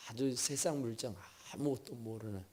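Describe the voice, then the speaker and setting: A man preaching a sermon in a church, telling a story with sudden swings between loud bursts and hushed asides. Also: mid-range voice, normal speed. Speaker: pastor. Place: church sanctuary.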